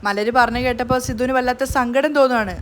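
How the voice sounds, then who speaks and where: A woman's voice: a little high, fairly even intonation, racing, slight background noise. A woman retelling the scenes of a television serial, reading the characters' lines in her own voice. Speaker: serial recap narrator. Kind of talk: storytelling recap of a TV serial.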